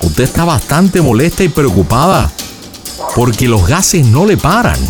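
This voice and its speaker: A man plays a theatrical fortune teller on a call-in, reading cards and shells while asking sing-song leading questions, with music underneath. His mid-range voice is very animated and measured in pace.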